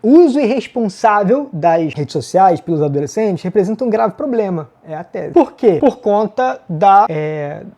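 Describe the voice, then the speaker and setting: Brazilian guy teaching essay writing, mellow voice, quick jokey self-mocking vibe, talks right at the students. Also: high voice, expressive. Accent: Brazilian Portuguese. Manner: brisk, joking, self-mocking; talks straight to students, casual slang. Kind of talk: online video lesson.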